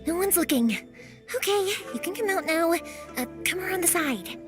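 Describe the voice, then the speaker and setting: An actress playing a warm-hearted, chatty young woman in a video game, energetic and friendly. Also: very high-pitched, moderate pace. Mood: reassuring, careful. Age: young adult. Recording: music behind.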